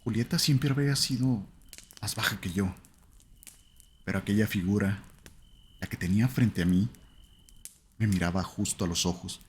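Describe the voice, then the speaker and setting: A man narrating a first-person horror story in a slow, somber, suspenseful way. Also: lowish voice, slight background noise.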